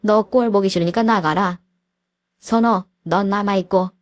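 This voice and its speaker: A woman voicing a domineering, sharp-tongued older mother-in-law who sneers and drags out her scolding words. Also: medium pitch, moderate pace, no room sound, pitched above the performer's own voice, natural voice. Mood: scornful.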